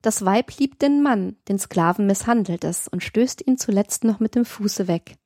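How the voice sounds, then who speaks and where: A woman's voice: mid-range voice, animated, normal speed, dry recording, studio quality. Woman reading as an imperious young lady. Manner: sharp, imperious speech. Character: proud young woman, commanding and teasing. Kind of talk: audiobook reading.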